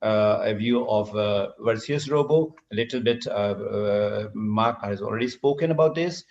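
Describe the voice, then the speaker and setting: A man's voice: fairly low pitch, moderate pace, gravelly, darkish tone. A middle-aged man from Assam gives a formal university lecture as a surgeon, hesitant, with many filler sounds and restarts, captured in a screen recording of an online session. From Assam, India. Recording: dull lo-fi online call audio.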